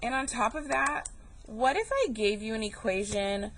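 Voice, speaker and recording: A woman's voice: fairly high pitch, lively intonation, moderate pace, fairly bright tone, slight background noise, poor audio. A young woman teaching a math class, chatty and joking, calling her students y'all. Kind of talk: recorded classroom lesson.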